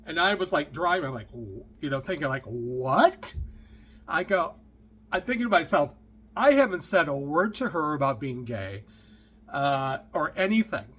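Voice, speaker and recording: A man's voice: a little high, sing-song, normal speed, a bit bright, husky. A middle-aged man telling a personal story to the camera in a chatty, rambling way, full of asides and fillers.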